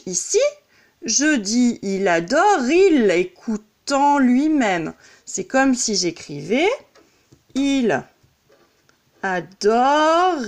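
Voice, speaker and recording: A woman teacher explaining a lesson in a video, slowly and carefully, with small slips and self-corrections, stretching out verse lines syllable by syllable. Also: fairly high pitch.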